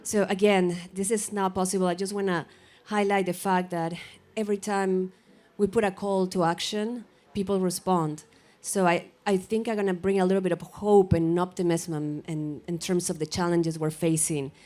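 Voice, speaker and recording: A woman's voice: fairly low pitch, little pitch movement, moderate pace, a little mellow. A woman giving an earnest acceptance speech while losing her voice, with some fillers. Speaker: award recipient.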